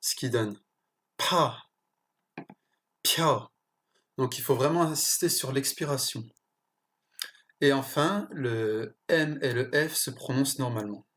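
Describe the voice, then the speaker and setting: A teacher slowly explaining pronunciation, pausing often and correcting small slips along the way. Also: mid-range voice. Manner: slow, careful explanation with pauses and self-corrections. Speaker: language teacher.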